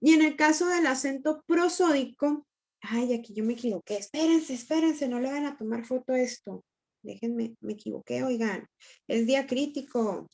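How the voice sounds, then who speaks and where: A woman's voice: high-pitched, moderate pace, vocal fry, darkish tone. A woman teaching an online grammar lesson, explaining patiently and checking in with students often.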